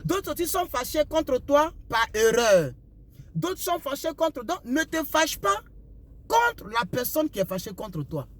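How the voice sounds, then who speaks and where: A man's voice: very high-pitched, big pitch swings, a little slow. A young man from Ivory Coast with an Ivorian French accent, giving repetitive, preachy life advice in a casual talk while driving his car. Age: young adult. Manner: repetitive, preachy, asks "vous comprenez un peu?". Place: inside a car on the road. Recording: faint road and car noise.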